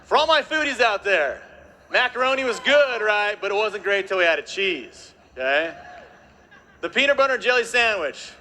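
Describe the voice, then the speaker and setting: A man presenting on stage to a live audience, energetic and jokey, working the crowd with constant tag questions. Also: sits high, moderate pace, a little hiss or hum.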